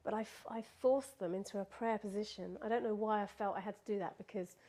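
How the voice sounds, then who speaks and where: A woman's voice: mid-range voice, fairly even intonation, fast talker, mellow. A woman recounting a personal experience in casual spoken storytelling, laughing often and restarting her sentences.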